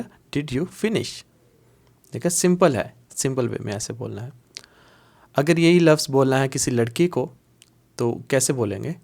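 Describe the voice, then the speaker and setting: A man teaching Arabic phrases in a video lesson, patiently repeating each word slowly for learners. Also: mid-range voice, creaky, darkish tone.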